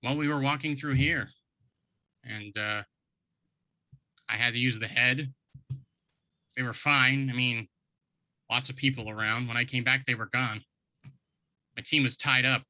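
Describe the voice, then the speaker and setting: A man playing a proud, guarded hobgoblin chef in a tabletop game, speaking in a measured, matter-of-fact way. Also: mid-range voice, fairly even intonation, bright, forceful tone, no echo, dull audio.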